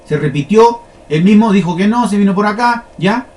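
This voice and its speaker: Guy teaching a class, high voice that jumps around a lot, keeps checking everyone's following. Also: expressive, normal speed, darkish tone. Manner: explains step by step, checks in with listeners often. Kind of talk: classroom lesson on flowcharts.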